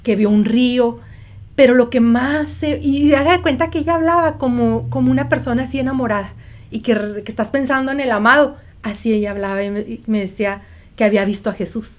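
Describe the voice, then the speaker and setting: A woman's voice: on the high side, fairly quick. A woman, a mother telling her story earnestly in a conversation and acting out the quoted lines. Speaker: guest, mother sharing testimony. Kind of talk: conversational testimony.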